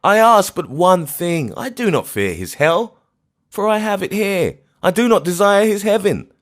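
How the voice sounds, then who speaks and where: Pitching his voice far higher than his own, a man plays an old astronomer driven mad by grief, who rages in bitter, tormented cries. He raves in a sing-song way at a measured pace.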